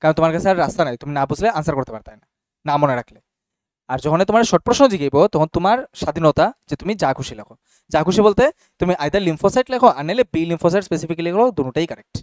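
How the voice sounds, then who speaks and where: A man's voice: on the high side, expressive, racing, no room sound, clean studio sound. A young man teaching a class casually and often checking whether students follow. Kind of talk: classroom biology lesson.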